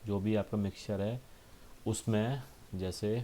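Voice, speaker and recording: A man teaching a school science lesson, explaining patiently with frequent tag questions and reading textbook lines slowly. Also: on the low side, fairly even intonation, warm tone, slight background noise. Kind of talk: classroom lesson.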